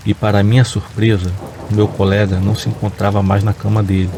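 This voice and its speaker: A young man narrating a horror story in calm, steady storytelling. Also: lowish voice, a little hiss or hum. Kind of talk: calm storytelling narration over rain sounds. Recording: faint rain sounds behind.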